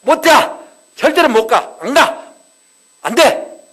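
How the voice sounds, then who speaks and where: A man playing a shrill, frantic wife. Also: big pitch swings, slow, exaggerated voice. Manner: shouting, high-pitched pleading.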